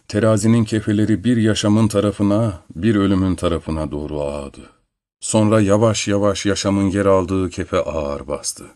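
Deep-voiced male audiobook narrator. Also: darkish tone, no echo.

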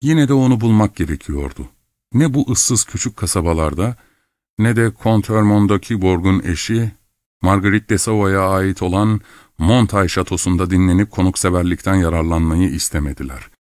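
A man narrating a story in a measured storytelling manner. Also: deep voice, a little mellow, dry recording, studio quality. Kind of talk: scripted narration.

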